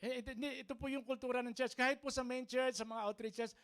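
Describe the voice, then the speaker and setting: A man's voice: extremely high pitch, quick pace. A man preaching a sermon as a pastor, mixing Tagalog and English and often checking for the congregation's agreement. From Philippines. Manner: lively, keeps asking the congregation for agreement. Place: church service.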